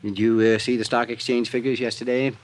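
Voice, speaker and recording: The character is a guarded, meticulous insurance executive, played by a male actor with a medium-pitched, flat, lightly acted delivery. Styled like 1940s-50s radio, he stays polite and measured, growing hesitant when he opens up in confidence.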